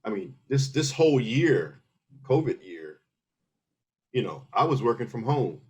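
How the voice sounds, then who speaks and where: He's a middle-aged army veteran from Philadelphia, USA, guesting in a casual interview. His mid-range voice is sing-song and darkish with a breathy edge, moving at a measured pace as he earnestly explains things step by step, restarting many times.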